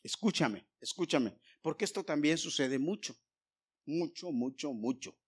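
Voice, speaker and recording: A male pastor preaching a sermon, swinging from loud emphasis to hushed whispers and speaking straight to the congregation. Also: a little high, expressive, a little slow, husky. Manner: addresses the congregation directly, asking for amens.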